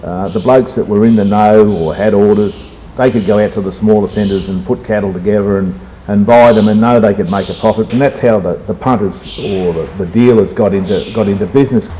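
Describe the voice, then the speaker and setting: A low, mellow older man with a rural Australian accent explains how things used to be in a laconic, plain-spoken drawl. Faint noise sits behind his voice. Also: a little fast, low-quality recording. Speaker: livestock carrier reminiscing. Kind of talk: conversational oral history. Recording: faint background noise and ambience.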